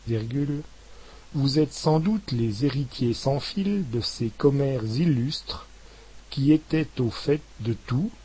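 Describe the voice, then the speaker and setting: A man reading a dictation aloud slowly, articulating each word and saying the punctuation marks in a lower voice. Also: warm tone, slight background noise, rough recording. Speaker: dictation reader. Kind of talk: slow dictation with spoken punctuation.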